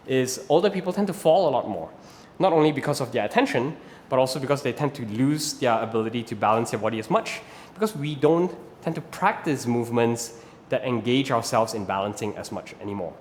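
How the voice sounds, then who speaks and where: This instructional video features a mid-range male voice trailed by long reverb and a little hiss or hum. The speaker, a man in his thirties from Malaysia with a Malaysian English accent, teaches rope flow patiently and keeps asking "right?" to check in.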